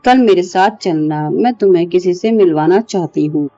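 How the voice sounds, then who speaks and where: A woman's voice: lowish voice, normal speed, dark tone, dry recording, lo-fi sound, soft background music, lightly acted. A woman playing a frightened young wife who pleads with her husband in a horror story. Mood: pleading.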